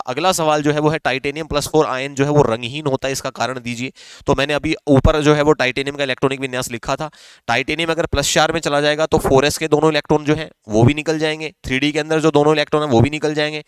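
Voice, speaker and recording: In this exam-prep chemistry lesson, a man with a Rajasthani Hindi accent explains test questions one step at a time and answers his own questions. He speaks in a smooth, fairly high-pitched voice, with no room sound in the recording.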